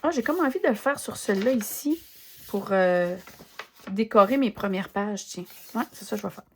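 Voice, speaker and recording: A woman with a Québécois French accent chats warmly and loosely to her viewers while she crafts. She thinks aloud with frequent pauses and fillers, and her voice sits in an ordinary mid range. A faint hiss runs under the recording. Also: medium pitch. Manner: chatty and spontaneous, thinking aloud with many fillers. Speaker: craft vlogger. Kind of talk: casual chat while crafting.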